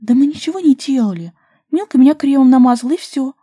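A woman's voice: fairly high pitch, fairly quick, mellow, husky, pitched above the performer's own voice. A woman voicing a stubborn young woman who protests indignantly.

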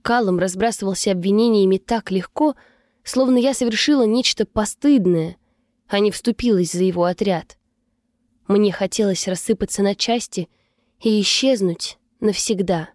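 A woman reading a first-person novel aloud in an even, measured way. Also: medium pitch, dry recording, studio quality. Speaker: audiobook narrator. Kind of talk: first-person scripted narration.

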